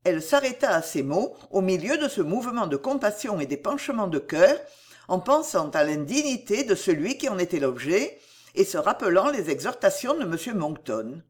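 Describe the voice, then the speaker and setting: An audiobook narrator reading a classic novel in a measured, literary way. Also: mid-range voice, very animated. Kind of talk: scripted narration.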